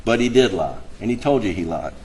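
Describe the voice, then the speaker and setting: A man delivering an emphatic, impassioned closing argument to a jury, halting and repeating phrases to drive points home. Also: lowish voice, lively intonation, a little mellow, slight background noise, low-quality recording. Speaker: defense attorney. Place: courtroom.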